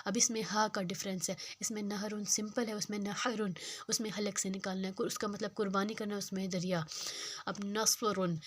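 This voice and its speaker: A woman teaching Quran reading, speaking slowly and repeating sounds and words to show the difference between them. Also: medium pitch, level tone. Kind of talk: slow patient tajweed lesson.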